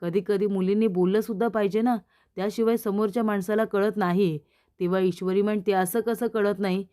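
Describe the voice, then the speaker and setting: A woman's voice: medium pitch, steady tone, fairly quick, mellow. A woman with a Marathi accent narrating a TV serial episode recap, retelling each character's lines in her own plain voice.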